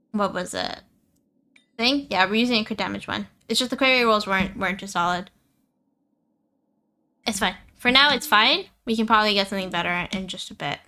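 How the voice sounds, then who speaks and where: A woman with a medium-pitched, sharp yet smooth voice hosts a gaming livestream over background music. She thinks aloud casually, chats informally with viewers and often repeats herself.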